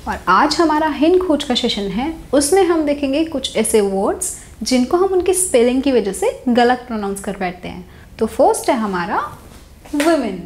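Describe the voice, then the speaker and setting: A young woman runs a pronunciation lesson, mixing Hindi and English as she explains. Her voice sits high and moves a lot, rising and falling as she teaches. She repeats each target word slowly and clearly. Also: a little mellow, slight background noise.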